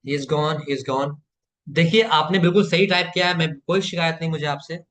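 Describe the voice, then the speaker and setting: Guy teaching english online, slightly higher voice, drills words over and over, encouraging. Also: steady tone, a bit bright. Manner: patient, repeats phrases slowly for learners to echo; praises students by name. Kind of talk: live online class, drilling pronunciation.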